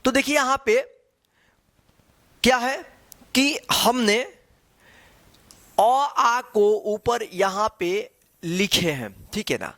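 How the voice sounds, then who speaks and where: Slow, patient male teacher. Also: high-pitched, a bit bright, no echo, clean studio sound. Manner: repeats rhetorical questions, drawn-out syllables. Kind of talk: slow, patient classroom instruction.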